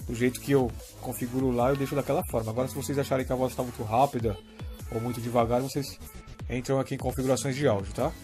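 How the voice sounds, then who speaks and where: A man's voice: medium pitch, steady tone, fast talker, mellow, soft background music. A Brazilian man demonstrating a phone app step by step, in a casual way with frequent "tá?" and "né?" check-ins. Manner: explains step by step, often checking in with "tá?" and "né?". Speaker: app tutorial presenter.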